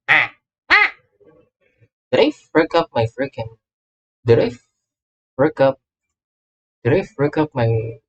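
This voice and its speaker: On poor audio with a little hiss or hum, a medium-pitched male voice belongs to a gamer VTuber livestreaming. He chats casually as he sets up a game, jumping around, repeating phrases and cutting himself off.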